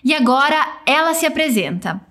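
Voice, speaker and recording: A woman teaching a language, modelling short phrases slowly for listeners to repeat. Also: high voice, expressive, fairly bright tone. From Brazil. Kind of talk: guided pronunciation drill.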